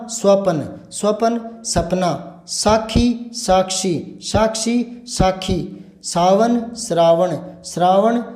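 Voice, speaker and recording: A male Hindi teacher leading a vocabulary lesson, reciting word pairs over and over in a steady, rhythmic drill. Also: high voice, echoey room.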